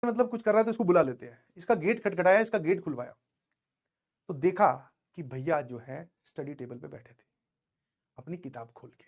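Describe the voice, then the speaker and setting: A male teacher with a slightly high, darkish voice speaks at a moderate pace as he gives students a motivational talk. He keeps it conversational, drawing on anecdotes from his student years and checking in with listeners often.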